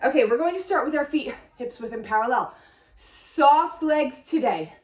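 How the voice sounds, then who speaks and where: A woman's voice: on the high side, lively intonation, fast talker, echoey room, far from the mic. A woman fitness instructor leading a workout class, upbeat as she counts reps and cues form while exercising along.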